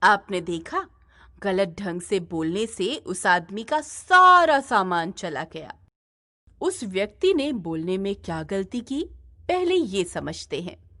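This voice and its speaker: A woman narrating a short teaching story and explaining its point in a clear, explanatory way. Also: medium pitch, sing-song, slow, sharp tone, dry recording, studio quality. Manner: clear, explanatory, stresses the key words.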